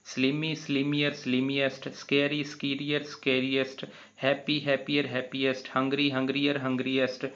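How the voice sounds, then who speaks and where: A man's voice: mid-range voice, completely flat delivery, moderate pace, a bit bright. A man teaching an English grammar lesson, spelling words out letter by letter with frequent hesitant fillers. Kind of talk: classroom grammar explanation. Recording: dull lo-fi recording.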